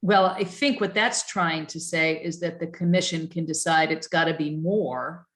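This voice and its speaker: A woman with a notably low voice works through planning regulations in a meeting, reading clauses aloud and stopping to puzzle over them. She hesitates, restarts and fills pauses, and comes through a video call. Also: a bit bright. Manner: thoughtful and hesitant, many fillers and restarts. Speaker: town planning staff leading a commission review.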